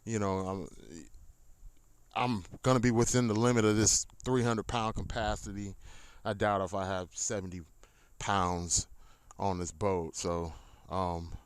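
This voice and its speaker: His voice sits on the low side, clear and resonant, with fairly even intonation and an unhurried delivery. The American man, a hobby kayak fisherman, gives a folksy, unscripted rundown of his gear into a handheld tablet that moves nearer and farther. The audio is noisy with changing distance from the mic, though there's no echo.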